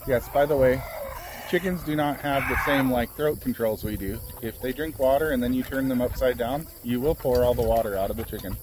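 A man's voice: mid-range voice, brisk, noisy background. Easygoing man vlogging farm chores. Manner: relaxed, rambling, lots of fillers. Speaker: vlog host filming his farm. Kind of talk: casual chat while doing chores. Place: outdoors on a ranch among chickens and cows.

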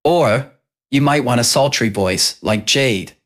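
A man hosting a casual software tutorial, explaining step by step. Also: mid-range voice, slow. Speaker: tutorial host.

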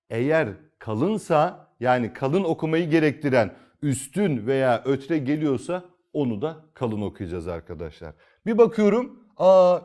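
A man teaching Quran reading in a recorded lesson, asking himself questions, repeating key phrases and drawing out example recitations. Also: a little high.

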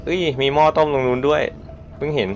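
A man's voice: fairly high pitch, steady tone, fast. Tense, muttering male gamer, lo-fi mic. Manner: tense whispery muttering, sudden startled yelps. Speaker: gameplay streamer. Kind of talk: live reactions while playing a horror game. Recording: dull lo-fi sound with faint hiss.

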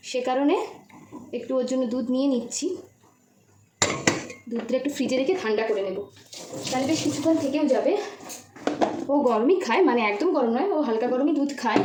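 A woman's voice: sits high, echoey room, noisy background. A woman, casually vlogging at home and on a family trip, chatting to viewers and cooing at her little daughter. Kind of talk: casual vlog chat.

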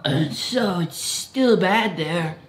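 A woman's voice: on the low side, lively intonation, takes it slowly. Giggly woman in a mock Russian accent. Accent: put-on mock Russian accent. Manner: rambling, giggly, profane mock lecture. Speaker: co-host. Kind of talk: improvised comedy monologue. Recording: echoey room with clear noise.

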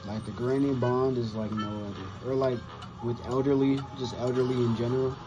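Talking briskly in a steady, medium-pitched voice, a reaction video host in his 20s rambles casually to camera, full of slang and frequent swearing. The setting is a small indoor room with wooden cabinets, captured in dull lo-fi sound with music playing behind.

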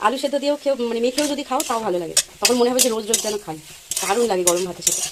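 A woman vlogs from her village home, chatting to viewers while she feeds animals and cooks, explaining each cooking step along the way. Her fairly high voice is expressive and racing, with background noise behind it.

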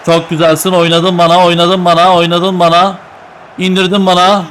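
A young man commentating his own online football match with teammates, excitable and joking, trash-talking and repeating his calls. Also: sits high, moderate pace, slight background noise. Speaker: gaming YouTuber. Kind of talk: live gameplay commentary with teammates.

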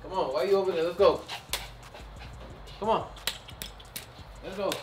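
A man's voice: high-pitched, unhurried. A man playing a grumpy, exasperated seventy-year-old grandpa, grumbling in a loosely improvised family comedy skit. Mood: weary grumbling. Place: around a house, indoors and outdoors. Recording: noisy, roomy, distant camera-mic sound.

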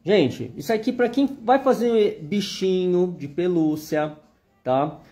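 Brazilian guy showing off sewing machines on a live stream, high voice, keeps saying look here. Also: lively intonation, slow pace, mellow. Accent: Brazilian Portuguese. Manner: chatty, repeatedly pointing things out to viewers. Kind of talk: live product demonstration.

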